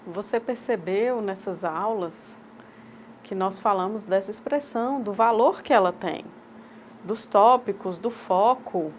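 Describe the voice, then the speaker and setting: A woman with a Brazilian accent voicing a sign language teacher's lecture aloud, in measured, halting short phrases. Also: medium pitch, slight background noise. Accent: Brazilian Portuguese. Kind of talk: voiced interpretation of a lecture.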